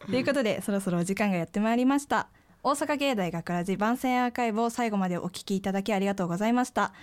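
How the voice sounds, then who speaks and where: A woman's voice: mid-range voice, rapid-fire, a little mellow. Young female student radio host, chatty, giggly, casual.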